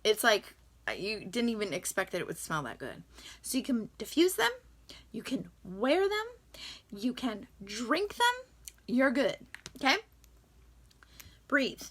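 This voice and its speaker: Young woman, high voice, casual and chatty, lots of ums and likes. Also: pushed and bright. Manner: chatty, enthusiastic, lots of fillers. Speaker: vlogger sharing essential oil tips. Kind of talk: casual chat to camera.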